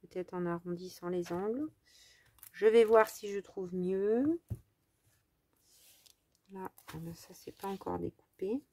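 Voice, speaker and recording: A woman's voice: mid-range voice, a little slow, pauses often, a little mellow. A French woman with a French accent chats casually to her viewers as she crafts, hesitating often and thinking aloud with many fillers. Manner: talks straight to her viewers. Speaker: crafting vlogger. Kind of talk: casual craft-along chat.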